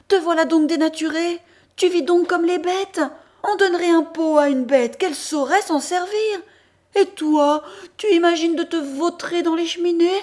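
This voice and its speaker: A woman's voice: high-pitched, pitched above the performer's own voice. A woman reading an audiobook, voicing a middle-aged mother who shrieks and scolds in exasperation. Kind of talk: audiobook character voice.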